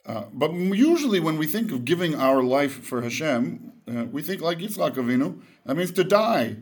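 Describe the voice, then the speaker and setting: Rabbi giving a short talk. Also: male voice, a little high, very animated, moderate pace.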